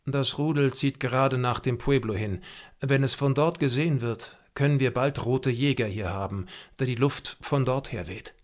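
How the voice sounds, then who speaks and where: A man's voice: mid-range voice, moderate pace, lightly acted. Man reading a resolute apache chief, firm, clipped, earnest, audiobook. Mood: cautious.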